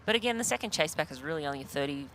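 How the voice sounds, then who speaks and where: A man co-commentating a live race, hesitant and filling pauses with uhs as he checks gaps and names. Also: a little high, expressive, sharp tone, a little hiss or hum. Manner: hesitant, many uhs while checking details.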